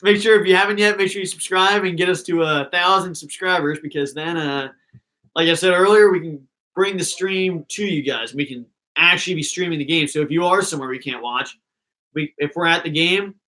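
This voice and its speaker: A man's voice: fairly high pitch, fairly quick, pushed and bright, low-quality recording. A young man hosting a live fan reaction stream, chatting casually and rambling between thoughts.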